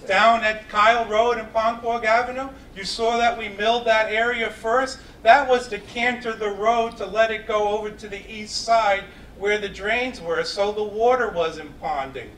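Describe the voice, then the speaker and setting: A man with a high, bright voice and a New York accent makes an earnest, plainspoken campaign appeal. He is picked up from across an echoey meeting hall, faint noise underneath. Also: fairly even intonation, normal speed, few pauses. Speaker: town candidate. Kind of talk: campaign debate statement. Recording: echoey room from a distant mic, faint noise.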